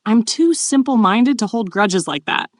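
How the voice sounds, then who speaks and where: A woman reading the part of a flustered, playful young noblewoman in a bright, raised voice. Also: medium pitch, expressive, moderate pace, no room sound, lightly acted.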